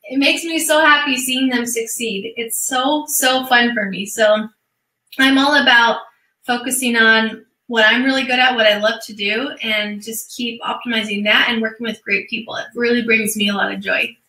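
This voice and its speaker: Female webinar co-host, effusive and warm, bright tone, off-mic in an echoey room. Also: on the high side, steady tone, moderate pace, distant mic. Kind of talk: casual webinar chat.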